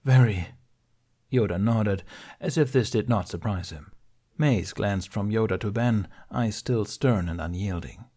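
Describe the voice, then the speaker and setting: A male audiobook narrator reads dramatic fiction in a measured, solemn delivery. His voice sits a little low and has a dark tone.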